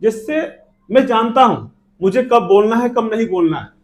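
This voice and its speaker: A man with an Indian English accent teaching an English lesson, saying each example slowly and glossing it in Hindi. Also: sits high, animated. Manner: slow, repeating words with Hindi glosses. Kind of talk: classroom lesson.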